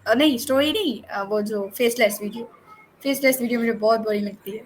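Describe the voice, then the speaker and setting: A woman's voice: a little high, fairly quick. A young woman from Pakistan, a student guest on an online interview call, talking casually and playfully with lots of fillers and self-corrections. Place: online video call from home. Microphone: computer or phone mic on a call.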